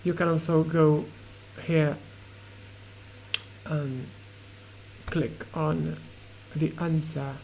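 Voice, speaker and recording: A woman teaching English grammar and pronunciation online, explaining slowly with pauses and fillers. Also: sits low, steady tone, creaky, noisy background.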